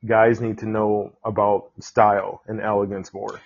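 A man's voice: on the low side, level tone, unhurried, creaky, breathy edge, dull audio. A man hosting a podcast, reading a scripted intro and then chatting with an upbeat, hyped-up delivery. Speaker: podcast host.

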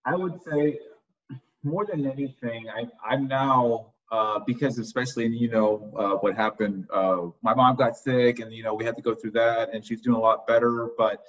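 A man's voice: mid-range voice, fairly even intonation. Reflective man in his thirties, dull audio. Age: 30s. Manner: reflective, halting, with restarts and "uh". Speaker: podcast guest. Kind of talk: casual interview.

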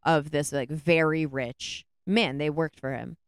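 A woman co-hosting a podcast, retelling a film's plot in a rambling, animated way with lots of "like"s. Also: sits low, a little slow, clean tone, dry recording, clean studio sound. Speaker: podcast co-host. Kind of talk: casual movie review chat.

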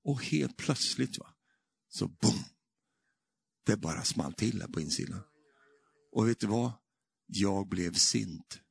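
A man's voice: fairly low pitch, lively intonation, vocal fry, slightly rough. A man preaching a sermon testimony, telling his story with frequent tag questions and building to fervent, emphatic preaching.

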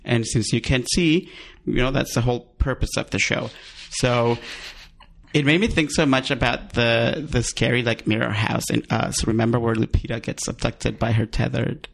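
Male podcast co-host, gravelly mid-pitched voice, loose joking banter. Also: fairly even intonation, moderate pace. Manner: chatty, joking, full of fillers. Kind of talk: casual chat.

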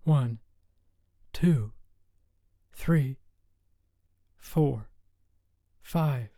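A man's voice: mid-range voice, expressive, a little slow, mellow, no echo, clean studio sound, pitched above the performer's own voice. An audiobook narrator voicing a young woman who pleads and answers in a breathless, trembling way. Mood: strained. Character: young woman in a strict submissive relationship, pleading. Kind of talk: audiobook character voice.

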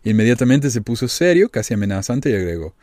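A man's voice: medium pitch, big pitch swings, fast, a little mellow, dry recording, studio quality. A man hosting a talk show, giving wry, chatty commentary on the news with frequent rhetorical questions. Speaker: podcast host. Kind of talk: casual commentary.

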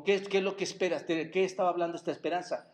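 During a church service, a pastor with a high, steady voice preaches in rapid-fire delivery. He puts rhetorical questions to the congregation and draws out key words for emphasis.

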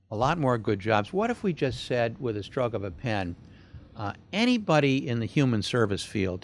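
Man, low voice, measured and thoughtful, audience Q&A answer. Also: a little hiss or hum. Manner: measured, thoughtful, rhetorical questions. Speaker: speaker answering audience questions. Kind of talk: public talk Q&A answer.

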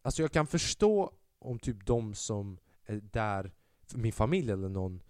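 Profane, animated male podcast comedian. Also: on the low side, clear, resonant tone, no room sound, clean studio sound. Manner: animated, profane, acts out quoted voices. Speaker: podcast host and stand-up comedian. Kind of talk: casual solo podcast storytelling.

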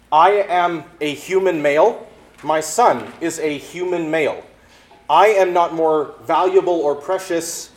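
A man preaching a sermon, reading scripture and then explaining it with lively acted-out exchanges. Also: fairly high pitch. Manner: animated preaching, acts out exchanges in quoted voices. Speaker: pastor.

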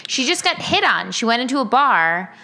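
Woman in her 30s, bright animated voice, teasing podcast chat. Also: on the high side, normal speed. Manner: teasing, playful, lively. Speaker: podcast co-host. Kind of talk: casual chat.

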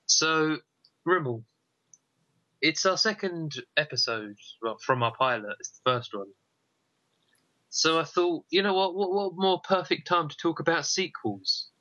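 A man's voice: fairly high pitch, expressive, unhurried, pushed and bright, lo-fi sound. A man co-hosting a casual comedy chat about films, rambling and correcting himself as he goes. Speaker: co-host.

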